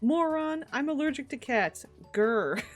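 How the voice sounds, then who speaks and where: A woman's voice: high-pitched, expressive, measured pace, faint music behind, pitched above the performer's own voice. A woman reading the lines of a hot-tempered, haughty young woman from a game's comic story, in a snippy, indignant tone.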